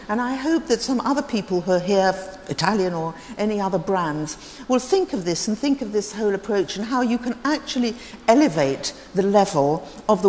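A woman's voice: mid-range voice, a little mellow, slight background noise. A woman moderating a panel discussion at a conference, asking questions in an articulate, poised way. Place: conference hall. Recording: conference hall reverb, faint ambience.

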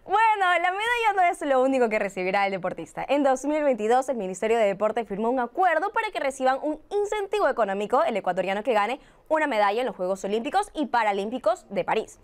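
A woman's voice: fairly high pitch, quick pace, hardly any pauses. A young woman presenting a student news show in a studio, teasing and upbeat, on a lapel mic. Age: young adult. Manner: lively and teasing. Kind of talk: scripted satirical news reading.

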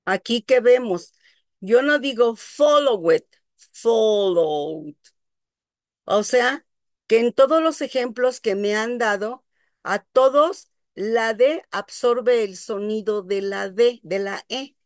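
A woman's voice: fairly high pitch, slow pace, no room sound, clean studio sound. A woman teaching English pronunciation, explaining patiently and checking that her students follow.

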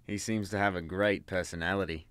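A man's voice: sits low, fairly even intonation, moderate pace, fairly bright tone, smooth, dry recording. A man voicing a dry, sarcastic demon hunter.

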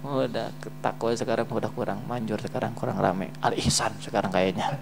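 A man teaching an Islamic study class in a lively, joking manner, swinging between loud emphasis and quiet asides and often asking if listeners understand. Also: lowish voice, a little fast, creaky, background noise. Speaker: religious teacher. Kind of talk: casual Islamic study lecture. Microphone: streamed live.

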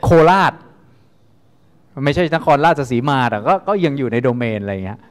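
A man's voice: medium pitch, animated, fairly quick, clean tone. A man teaching a university class, talking casually and repeating instructions to coax students into group work. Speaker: university lecturer. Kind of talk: classroom lecture. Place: lecture hall. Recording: reverberant lecture hall.

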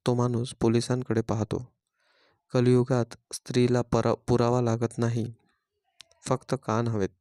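A man's voice: medium pitch, monotone, a little slow, mellow, smooth, dry recording, clean studio sound. Solemn man narrating a story.

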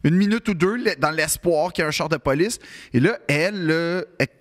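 A man with a Quebec French accent telling a comic story in casual podcast chat, animated and halting, full of restarts and repeated words. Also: a little high. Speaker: podcast co-host.

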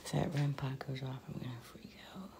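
With a rumbling low voice full of vocal fry and little pitch movement, a middle-aged woman talks fairly quickly and nervously as she vlogs a ghost hunt, swearing casually. The background is noisy. She's in a large old cellar, shot on a camera that's on a tripod and then handheld, and heard from far off in the echo of the basement.

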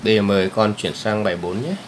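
A man teaching an English lesson to young children, patiently repeating each word slowly for the pupil to copy. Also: on the low side, fairly even intonation, a little hiss or hum. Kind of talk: step-by-step spoken lesson for children.

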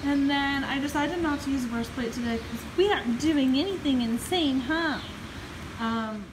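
A woman's voice: sits high, normal speed. A young woman chatting casually to her viewers as she films herself on a phone, laughing often. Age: young adult. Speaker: vlogger. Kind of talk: casual vlog. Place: horse barn, partly outdoors in rain. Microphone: phone camera held at arm's length. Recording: phone audio with barn noise.

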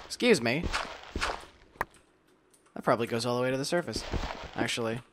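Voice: mid-range voice, moderate pace, noisy background. A video game host giving casual, playful commentary while playing, chatting to themself with silly asides. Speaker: let's play host.

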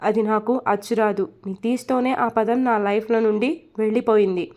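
A woman voicing a lonely, tearful young wife who confides softly in a read-aloud story. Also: fairly high pitch, fairly even intonation, normal speed, lightly acted. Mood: tearful, confiding.

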